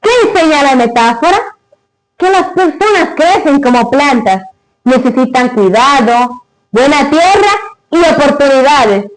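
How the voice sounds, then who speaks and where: A woman giving scripted educational narration, explaining didactically in short, deliberate phrases. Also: sits high, animated, low-quality recording. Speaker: literature explainer.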